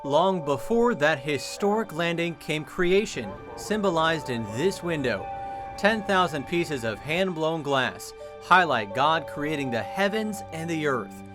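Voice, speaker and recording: A man's voice: fairly high pitch, lively intonation, unhurried. An American man working as a reporter, narrating a scripted television news feature. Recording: music behind the voice. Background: music bed.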